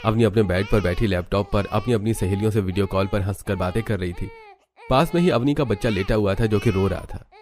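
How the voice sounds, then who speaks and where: With a low voice and a brisk pace, a narrator reads a Hindi cartoon story as written. The telling stays even and composed throughout.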